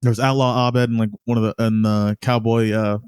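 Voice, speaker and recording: A man co-hosting a casual podcast, talking in a relaxed way about favorite scenes. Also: on the low side, normal speed, clear, resonant tone, dry recording, clean studio sound. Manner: relaxed, laughs along, short agreements. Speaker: podcast co-host.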